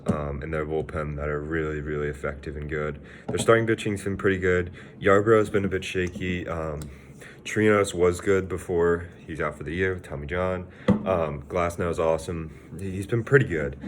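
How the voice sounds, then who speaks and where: Young man, very low voice, rambling offhand sports vlog host, slightly winded. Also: a little hiss or hum. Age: young adult. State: slightly out of breath. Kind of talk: casual sports vlog talk.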